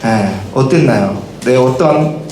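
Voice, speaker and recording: A man preaching to teenagers as their pastor, questioning them directly and acting out quotes in a lively way. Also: medium pitch, slow pace. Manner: lively, asks the youth many direct questions and acts out quotes. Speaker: pastor preaching to a middle school summer Bible school. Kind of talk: sermon to teenagers. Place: church worship hall. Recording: very echoey hall, faint noise.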